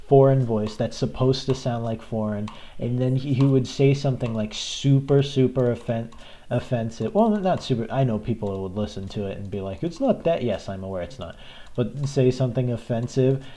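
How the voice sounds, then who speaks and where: A man's voice: medium pitch, mellow. A young man giving casual gameplay commentary, rambling with many fillers and little chuckles.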